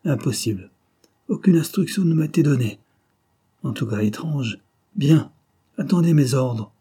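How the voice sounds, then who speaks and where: A man's voice: medium pitch, expressive, unhurried, warm tone, breathy edge, pitched above the performer's own voice. A man voicing a domineering military commandant who gives curt, barked orders. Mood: alarmed.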